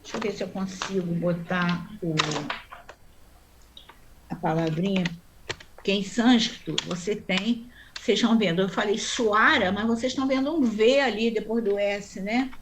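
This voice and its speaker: A woman's voice: medium pitch, fairly even intonation, noisy background. A woman teaching a Sanskrit class online, explaining step by step and often checking in with her students. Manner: chants mantra syllables slowly.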